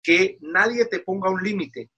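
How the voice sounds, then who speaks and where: A man's voice: high-pitched, a little slow, bright, forceful tone, slightly rough, muffled recording. A middle-aged man from Guatemala, a pastor, talking earnestly as a podcast guest, preacherly and with many restarts. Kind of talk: casual interview talk.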